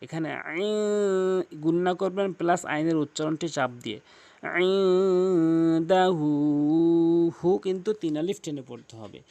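A man teaching correct recitation, giving quick explanations of common mistakes between slow, drawn-out recited words. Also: fairly high pitch, vocal fry, darkish tone, no echo. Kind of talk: tajweed lesson.

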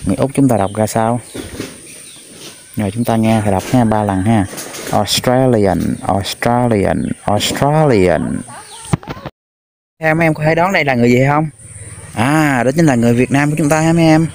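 A man teaching an English lesson to children, repeating each new word slowly three times for the class to echo. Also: mid-range voice, darkish tone, slight background noise. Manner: drills words slowly in threes for pupils to repeat.

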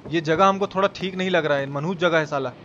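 A high-pitched man streams a game, talking quickly in a somewhat bright voice on a muffled recording. He gives informal, foul-mouthed live gameplay commentary, addressing viewers and giving chat shout-outs, with clear background noise and video game ambience.

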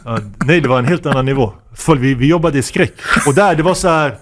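A man in his fifties, a guest imam, telling lively stories with laughter and Arabic phrases sprinkled in. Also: a little high. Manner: animated anecdotes with laughter, Arabic phrases mixed in. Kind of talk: podcast interview storytelling.

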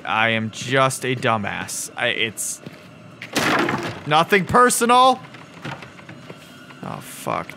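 Bright-voiced guy doing a let's play, slow and chatty, swears, roasts himself. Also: medium pitch, creaky, a little hiss or hum. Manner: self-mocking, swears, bursts into shouting. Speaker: gaming video host.

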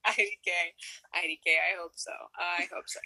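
A woman's voice: fairly low pitch, fairly even intonation, normal speed, bright, forceful tone, breathy edge, dry recording, low-quality recording. Chatty woman on a video call. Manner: chatty, laughs often, lots of fillers. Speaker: guest on a live stream. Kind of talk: casual video chat.

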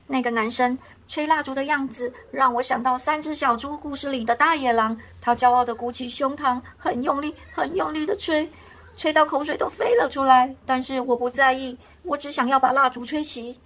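A woman's voice: high-pitched, steady tone, normal speed, a bit bright, slight background noise. A woman reading to a young child, voicing a mischievous, sheepish elderly great-grandmother in a picture book. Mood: apologetic, wistful.

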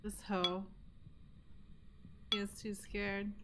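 A woman streamer chatting playfully during a game, teasing her partner and calling out his name in drawn-out tones. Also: medium pitch, level tone, background noise. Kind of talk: casual gaming chat.

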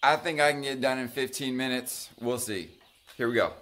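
A man casually talking through his farm chores in a vlog, chatty and relaxed, thinking aloud with fillers. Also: mid-range voice, moderate pace, background noise. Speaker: farm vlogger. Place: outdoors on a farm.

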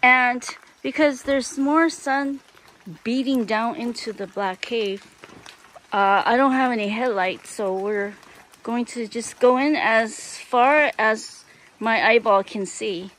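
Slow, chatty woman vlogging a cave walk. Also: on the high side, a bit bright. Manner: chatty, hesitant, with many ums and small laughs. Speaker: travel vlogger. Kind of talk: casual travel vlog narration. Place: outdoors in a rainforest and inside a lava cave.

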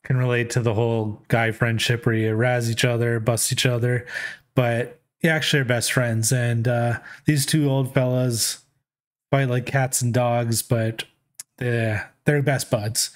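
A man's voice: mid-range voice, flat delivery, unhurried. A man in his thirties, casually chatting about his favorite films from a small room with a headset mic. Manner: upbeat, rambling, recommends films. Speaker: movie list host. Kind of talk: casual video commentary. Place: small room at a desk in a gaming chair.

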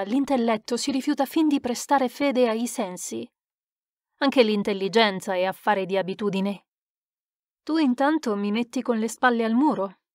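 A skeptical, brusque scientist, voiced by a woman in an audiobook, argues in a dismissive way. The voice is fairly high. It is recorded close and dry. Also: a little mellow, no echo, lightly acted. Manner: dismissive, argumentative. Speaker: audiobook reader. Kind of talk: expressive literary reading.

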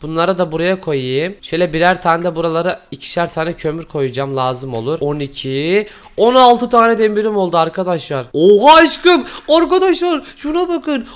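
Excitable, high-voiced male gaming host. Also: fairly quick, clean tone. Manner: excitable, dramatic yelps and pleading. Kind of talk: excited gameplay commentary.

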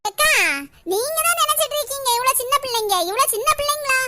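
A woman voicing a loud, sharp-tongued village woman in a cartoon, scolding and sarcastic. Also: very high voice, a little hiss or hum. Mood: complaining. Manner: scolding, sarcastic, rapid complaints. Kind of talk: animated cartoon voice acting.

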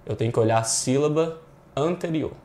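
A man's voice: on the high side, a little fast, warm tone. A Brazilian Portuguese-speaking male teacher explaining grammar exercises in an online exam-prep class, often checking in with rhetorical questions.

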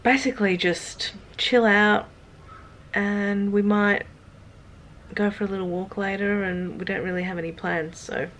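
A woman's voice: medium pitch, fairly even intonation, unhurried, a bit bright. A middle-aged woman giving a casual, chatty vlog update to camera. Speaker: vlogger. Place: indoors, hotel suite. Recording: clear background room noise.

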